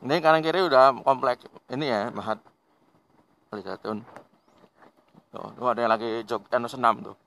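An Indonesian man hosts a motovlog, riding a motorbike along rural roads and chatting casually to viewers, whom he treats as friends. His medium-pitched voice moves at a normal speed with vocal fry and frequent pauses, and he laughs often in a relaxed way. A faint hiss or hum sits under the recording.

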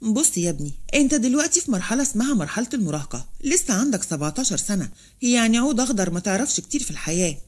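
Middle-aged Egyptian father, firm and protective, gentle advice, a woman reading, quick. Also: a little high, very animated.

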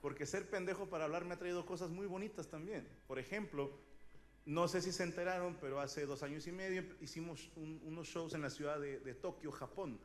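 A Mexican man in his thirties doing a stand-up comedy monologue, telling crude, slangy stories and shouting some bits. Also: a little high, a little fast. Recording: live show with loud audience noise.

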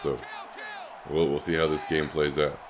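A man with a scratchy, sick-sounding throat, giving laid-back, casual commentary on the game he's playing, with short excited outbursts. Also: a bass voice, normal speed, crowd noise. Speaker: gaming YouTuber.

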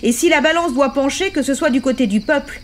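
A woman's voice: high-pitched, fast talker, a little hiss or hum, close to an everyday voice. A woman reading aloud as a fierce, bitter old revolutionary on his deathbed who speaks in impassioned accusations.

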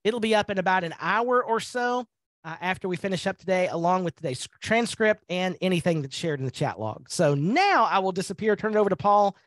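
An upbeat man with a fairly high voice hosts a live training webinar, chatting with fillers. The sound is close and dry, like a video call mic. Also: big pitch swings, brisk, a bit bright, no echo. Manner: upbeat, conversational, many fillers. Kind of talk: friendly webinar hosting.

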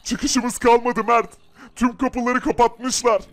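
A man, the channel host, playing a father who desperately searches for his wife and son among zombies, shouting and then whispering. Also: very high-pitched, little pitch movement, takes it slowly. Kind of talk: game story acting.

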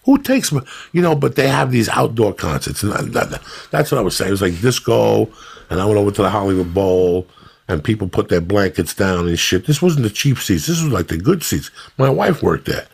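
A middle-aged man hosting a podcast, telling profane, animated stories in casual chat. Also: lowish voice, fairly quick. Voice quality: gravelly. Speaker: podcast host.

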